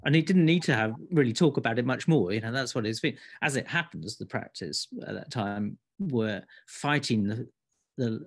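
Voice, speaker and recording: A man's voice: on the low side, vocal fry, breathy edge. A man, principal of an architecture practice, speaking in a panel discussion with many hesitant restarts.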